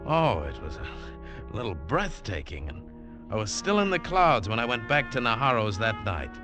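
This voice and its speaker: A man voices the lead role and narration as a tough, wary American adventurer recounting his treasure hunt in clipped, hardboiled 1940s radio style. His fairly low voice swings widely in pitch at a normal speed, and the mood is intense and brooding. It's an old 1940s radio broadcast with music behind him.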